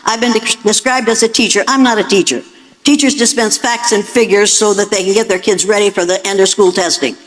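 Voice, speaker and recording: A woman's voice: mid-range voice, steady tone, fairly quick, low-quality recording. Older american lady giving a lecture, blunt and bossy, really stresses her points. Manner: blunt, commanding, emphatic. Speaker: educator and public speaker. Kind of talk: lecture to an audience.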